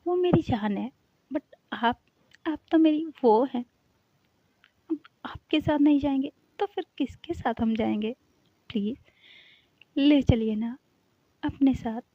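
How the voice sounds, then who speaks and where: A woman voicing a high, pleading young lover. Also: slow pace, long pauses, no echo, phone-quality sound, full character voice. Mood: pleading, teasing. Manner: coaxing, pleading, teasing.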